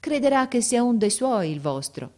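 A woman's voice: fairly high pitch, very animated, normal speed, a little mellow, voice pushed up. Brief: woman reader as a grave male hospital assistant, explanatory. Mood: explaining.

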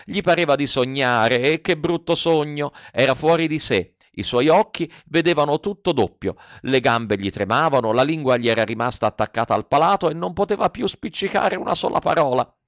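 A man's voice: fairly high pitch, brisk, hardly any pauses, no room sound. Man reading a storybook aloud. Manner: expressive storytelling, voices the characters. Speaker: narrator. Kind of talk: audiobook reading of a classic tale. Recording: dry, slightly dull recording.

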